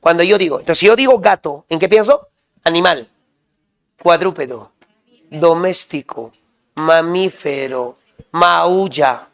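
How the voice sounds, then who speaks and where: A male teacher drilling students with quick questions and repeated call-and-response prompts. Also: on the high side. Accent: Peruvian Spanish. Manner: quizzing, repetitive call-and-response.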